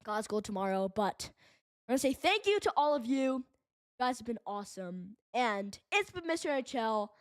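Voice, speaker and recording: High-voiced excited fan streamer, woman. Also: no echo, studio quality. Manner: rapid excited calling, rambling chat asides. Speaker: live stream host. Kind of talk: fan play-by-play commentary.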